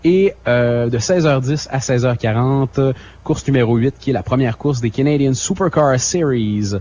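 A radio co-host reads an event schedule in a casual, halting way, filling pauses and joking at his own expense. His voice sits at a middle pitch. The broadcast sound is slightly dull, with faint noise behind him. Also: mellow. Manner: hesitant, many fillers, self-mocking.

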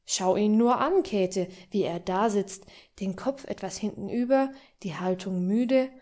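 A sardonic, practical man from an audiobook, as a woman reads him, dry and mocking. His lines come slowly in a low, dark, mellow tone. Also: lightly acted. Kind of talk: audiobook reading.

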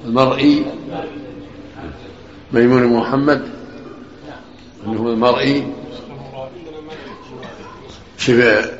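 A man's voice: mid-range voice, steady tone, slow, pauses often. A man teaching as a sheikh in a hadith lesson, stopping the reader to question and correct the readings. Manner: interrupts to query and correct readings. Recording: dull lo-fi lecture recording.

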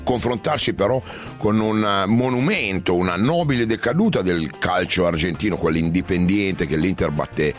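A male host narrates sport stories in an animated, emphatic way. His voice sits fairly low and moves widely in pitch, with music playing underneath. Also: normal speed. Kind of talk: conversational radio storytelling about football.

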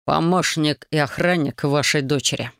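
A woman playing a calm, unflappable demon bodyguard. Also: low voice, clear, resonant tone, dry recording, studio quality. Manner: calm, measured, composed.

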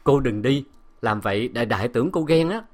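A man's voice: medium pitch, animated, brisk, natural voice. A man voicing a cruel, domineering husband who barks orders and sneers in a storybook reading. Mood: mocking. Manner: harsh, shouting, contemptuous.

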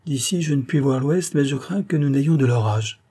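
A man reading the part of a calm, resolute young nobleman in a novel, measured and steady. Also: medium pitch, breathy edge, voice pushed up, lightly acted. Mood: concerned.

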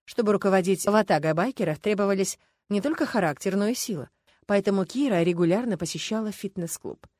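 A woman reading an audiobook in lively, ironic scripted narration. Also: mid-range voice, a little fast, no room sound, studio quality.

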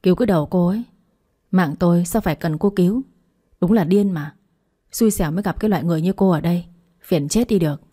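A woman voicing an irritable, indignant young man who snaps sharply, in a mellow, low voice. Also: quick pace, pauses often, natural voice. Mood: angry. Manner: sharp, scolding.

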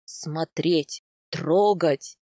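A woman doing a low-voiced teasing young husband. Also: very slow, dark tone, no echo, clean studio sound, heavily acted. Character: playful, teasing young husband, a steppe man.

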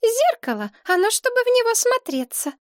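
A woman voicing a bratty, greedy bleached young woman in an audiobook, squeaky and capricious. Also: very animated, normal speed, no echo, studio quality. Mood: whiny. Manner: shrill and capricious.

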